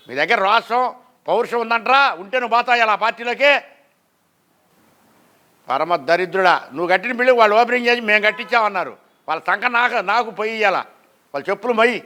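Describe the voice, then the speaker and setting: A man's voice: high voice, bright, forceful tone. A man, a farmer ranting angrily to a street camera, scolding with insults and rhetorical questions. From Andhra Pradesh, India. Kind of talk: angry public-opinion rant to camera.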